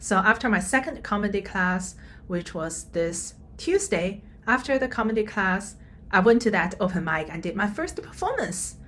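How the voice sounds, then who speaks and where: A woman casually telling a personal story as a vlogger, often halting as she searches for her words. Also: medium pitch, lively intonation, a bit bright, a little hiss or hum. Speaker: software engineer.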